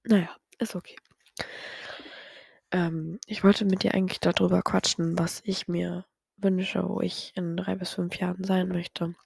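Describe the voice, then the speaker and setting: A young woman hosting a podcast, talking softly and partly whispering late at night, teary and hesitant with a dry throat. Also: lowish voice, little pitch movement, moderate pace, creaky, husky, no room sound. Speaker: podcast host. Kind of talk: personal late-night confessional monologue.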